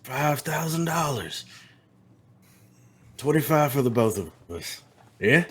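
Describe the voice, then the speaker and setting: A man voicing a menacing vampire biker who speaks in a slow, threatening drawl. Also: medium pitch, big pitch swings, slightly rough, pitched above the performer's own voice, exaggerated voice. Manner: slow drawl, calls people friend and son.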